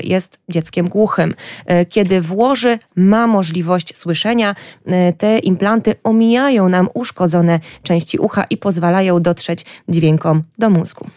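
A woman therapist speaks in a slightly low voice. She explains things patiently and pauses often to search for words. The sound is dry. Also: a little mellow, no echo. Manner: explains patiently, with frequent fillers. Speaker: child hearing therapist. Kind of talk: explanatory interview answers.

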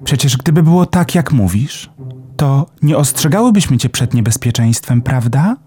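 A man's voice: medium pitch, animated, normal speed, warm tone, pitched above the performer's own voice, lightly acted. A man voicing a chorus of fearful, fretful bluebell flowers in a children's storybook. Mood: prim, scolding. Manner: fretful, warning.

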